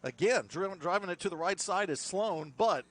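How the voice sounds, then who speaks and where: A man doing play-by-play for a high school baseball game, chatty and rising sharply in energy on big plays. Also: normal speed. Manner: chatty, laughs with his partner. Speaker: play-by-play announcer. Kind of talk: baseball commentary.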